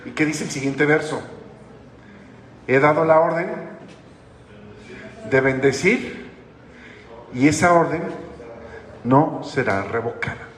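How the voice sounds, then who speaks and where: A man's voice: on the high side, slow, pauses often. A man preaching a sermon as pastor, in a conversational way that keeps asking the congregation questions. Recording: echoey hall with long reverb, faint noise.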